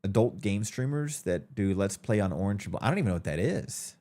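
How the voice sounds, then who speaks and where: A man's voice: fairly low pitch, animated, brisk, warm tone. A man hosting his live stream in a casual chatty way, greeting viewers by name in an upbeat tone. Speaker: streamer host.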